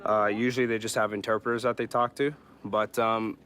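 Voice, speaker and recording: A man's voice: fairly low pitch, level tone, brisk, a crowd in the background. A man from Pakistan, a soldier, answering interview questions in a hesitant way with many fillers. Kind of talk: casual interview.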